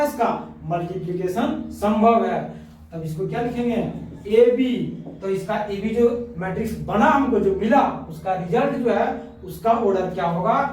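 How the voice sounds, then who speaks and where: Working through math at a board, this teacher keeps posing questions, answers them on his own and corrects himself frequently. His voice sits high with a darkish tone, recorded by a distant mic in a very echoey room with faint noise.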